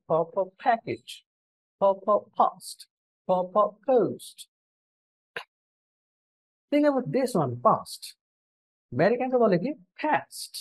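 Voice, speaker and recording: A woman with a mid-range, darkish voice gives a pronunciation lesson. She drills each sound and word one at a time, explaining in Bengali and giving examples in English.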